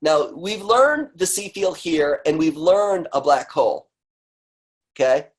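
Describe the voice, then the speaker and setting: Middle-aged guy teaching a webinar, gets loud then goes real quiet, repeats stuff over and over. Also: a little high, slow. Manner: animated, swings between loud bursts and quiet murmurs, repeats phrases. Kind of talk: teaching webinar, guided exercise.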